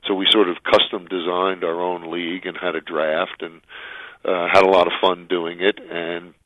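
A man's voice: sits low, flat delivery, normal speed, fairly bright tone, no echo. A middle-aged man speaking casually as an interview guest, telling his story over the telephone. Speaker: interview guest, fantasy baseball writer. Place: phone interview. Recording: thin narrow telephone line.

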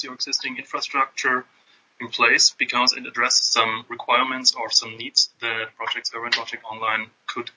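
German-accented man, bright and lo-fi. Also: mid-range voice, slight background noise. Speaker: guest consultant. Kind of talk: podcast interview.

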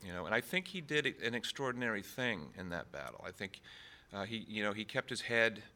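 Bright-voiced author from Maine, hesitant. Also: male voice, fairly low pitch, big pitch swings, brisk. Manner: hesitant, many fillers and restarts. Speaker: author, guest. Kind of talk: conversational interview.

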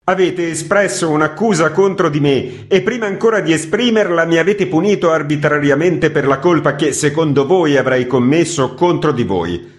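A man's voice: on the high side, lively intonation, moderate pace, few pauses, voice pushed up, lightly acted. A man voicing an agitated male newspaper editor who protests in a raised, defensive voice. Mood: insistent.

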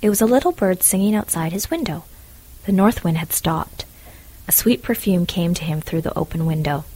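A woman calmly narrating a fairy tale in a measured storytelling manner. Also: on the low side, husky. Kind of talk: storybook reading.

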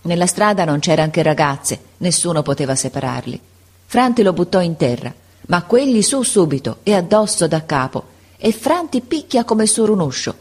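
A woman reading a classic story aloud in a measured, expressive audiobook narration. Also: lowish voice, husky.

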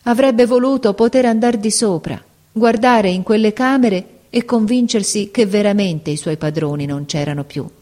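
A woman narrating a novel as an audiobook reader, in a measured, expressive reading. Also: mid-range voice.

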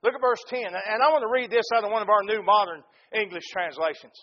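A man's voice: high voice, quick pace, muffled recording. A man preaching a sermon, talking earnestly and directly to the congregation and building emphatic repeated lists.

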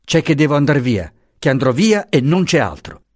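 A man reading the lines of a resolute, tender young husband who speaks in a hushed way. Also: fairly high pitch, big pitch swings, moderate pace, no room sound, studio quality, pitched above the performer's own voice.

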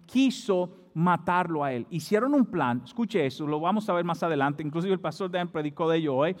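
A man's voice: fairly high pitch, lively intonation, fairly quick. A male pastor preaching a sermon in a church, building his delivery to emphatic peaks. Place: church hall. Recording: long hall reverb.

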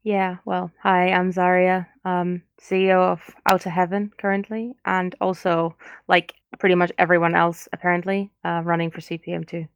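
A woman with a fairly low, clear voice and little pitch movement introduces herself casually as a podcast guest. The sound is dry and close. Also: flat delivery, normal speed, dry recording. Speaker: podcast guest, council candidate. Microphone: online voice chat.

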